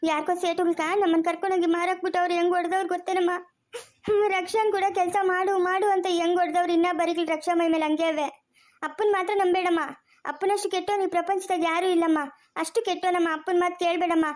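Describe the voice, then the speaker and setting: A woman's voice: very high-pitched, level tone, fast, darkish tone. An actress playing a young daughter pleading urgently with her mother. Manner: pleading, insistent. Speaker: actor in a family drama.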